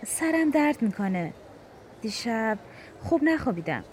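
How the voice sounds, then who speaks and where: A woman voicing a timid young bride who speaks softly and gently. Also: a little high, sing-song, slight background noise. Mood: tired.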